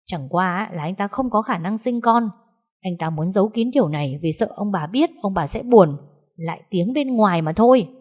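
A woman voicing a defiant young daughter-in-law who speaks fast and cuttingly in a narrated story. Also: medium pitch, lively intonation, a little mellow, close to an everyday voice.

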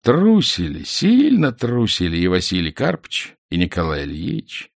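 A man narrating an audiobook with expressive storytelling. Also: deep voice, normal speed, gravelly, no room sound, studio quality.

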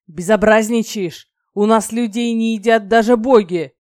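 A woman's voice: medium pitch, a little fast, dark tone, no echo, clean studio sound, lightly acted. A woman voicing an immortal male dragon rector who scolds and then coaxes with sly bargaining. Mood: scolding.

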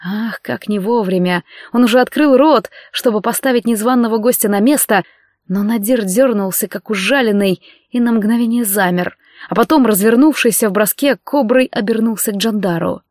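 A woman's voice: a little high, normal speed, darkish tone, no echo. Woman narrating an audiobook, dry sound. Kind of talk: scripted fiction narration.

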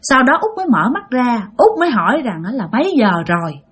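A woman with a Southern Vietnamese accent narrating a ghost story in an animated, chatty way, speaking straight to her listeners. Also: high-pitched, fairly quick, husky.

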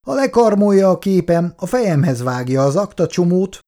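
A man voicing a demoted male office clerk who mocks a woman with smug, sneering scorn, in a gravelly voice that swings widely in pitch. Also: very animated, a little mellow. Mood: mocking. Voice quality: mocking, smug.

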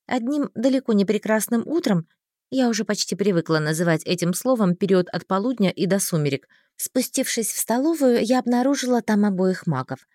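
A woman narrating a first-person audiobook in a smooth, steady storytelling manner. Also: mid-range voice, fairly quick, no room sound, studio quality.

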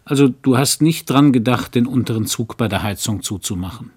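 A man's voice: mid-range voice, brisk, a little mellow, slightly rough, lightly acted. Man playing a grumbling country doctor. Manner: mildly grumbling, fussy, practical. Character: good-natured small-town doctor husband, fussy. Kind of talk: audiobook character voice.

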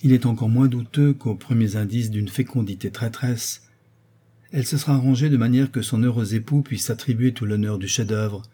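A man's voice: medium pitch, normal speed, dark tone, husky, natural voice. A man reading a classic novel aloud, voicing a skeptical worldly friend who reasons dryly. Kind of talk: audiobook character reading.

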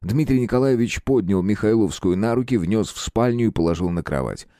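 A man reading an audiobook with expressive, measured narration. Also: fairly low pitch, no echo, clean studio sound. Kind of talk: scripted narration.

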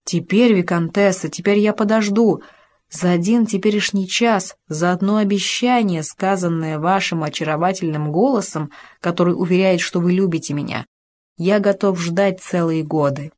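A woman's voice: fairly low pitch, normal speed, a little mellow, natural voice. A woman voicing an ardent young male officer in an audiobook, reading his lines with impassioned pleading.

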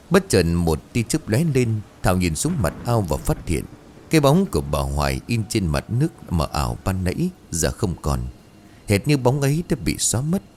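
A man's voice: low voice, a little mellow, a little hiss or hum. A man narrating a ghost story in a dramatic, suspenseful way.

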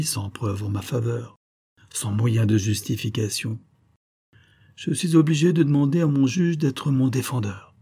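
A man's voice: mid-range voice, warm tone, slightly rough. A man doing a cunning suspect pleading innocence. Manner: theatrical, pleading. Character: cunning male suspect feigning outraged innocence.

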